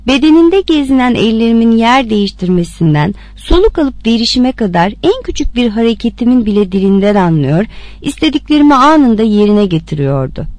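Woman, story narration, expressive, animated pitch, dry recording. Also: fairly quick, dry recording. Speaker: reader.

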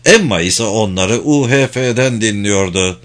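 A man reading a suspenseful novel aloud in a measured, steady narration. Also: lowish voice. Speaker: audiobook narrator. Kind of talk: scripted narration.

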